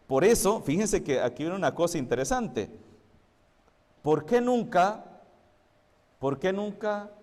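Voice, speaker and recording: Sacerdote predicando en sala con eco. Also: male voice, a little high, darkish tone, big-room sound. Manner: explanatory, asks the congregation rhetorical questions. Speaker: priest. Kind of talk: sermon.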